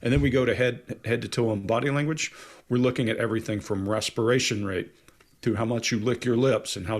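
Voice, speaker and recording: A man speaking as an expert on a casual panel, giving long-winded explanations with examples he acts out. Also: fairly low pitch. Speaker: body language expert panelist.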